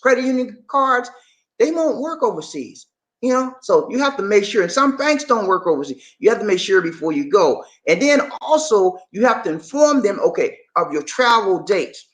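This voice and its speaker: A livestream host from Charleston, South Carolina, with a Southern Gullah Geechee accent chats casually with viewers in a folksy, colloquial style, often repeating phrases. His voice sits high with big pitch swings, at normal speed and a fairly bright tone.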